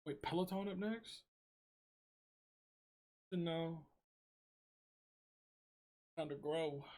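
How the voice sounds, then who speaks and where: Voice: mid-range voice, extremely slow, darkish tone. A streamer chatting casually with viewers late at night while drawing, rambling and joking, cursing freely and humming between thoughts, speaking from a room at home. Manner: rambling, joking, swears freely, talks to chat; hums to self while working.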